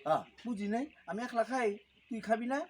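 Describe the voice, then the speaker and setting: A man's voice: extremely high pitch, fairly quick. A man playing a greedy, bullying old husband. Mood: scolding. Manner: harsh, scolding, shouting. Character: older man, greedy bullying husband demanding dowry money. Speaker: actor. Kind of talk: amateur short film acting.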